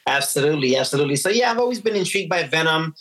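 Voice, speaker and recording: A man answers a podcast host's questions in a relaxed, friendly way, sometimes stumbling over his words. His voice is fairly high and bright. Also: racing. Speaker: guest cosplayer. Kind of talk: casual interview chat.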